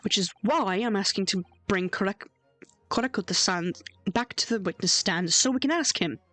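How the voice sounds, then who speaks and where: A woman voicing an earnest young male defense lawyer who reasons through the case calmly. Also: medium pitch, moderate pace, no room sound, close to an everyday voice. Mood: determined.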